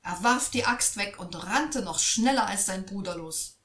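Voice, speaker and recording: A woman reading a fairy tale aloud in a slow, expressive storytelling voice. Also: medium pitch. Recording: echoey room.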